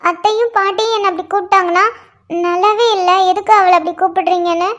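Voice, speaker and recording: A woman's voice: very high voice, steady tone, fast talker, a bit bright. A woman voicing a young wife in a cartoon, whiny and tearful at times, bubbly and delighted at others. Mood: happy. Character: young wife, emotional, sulky then joyful. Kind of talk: cartoon dialogue voice acting.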